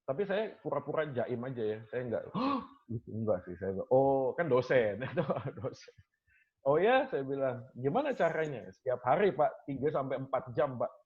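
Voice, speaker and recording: A male lecturer in a casual talk, telling stories from his classes and acting out his students' questions in a lively way. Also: medium pitch, dull audio. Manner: animated storyteller, acts out students' questions, mixes in English phrases.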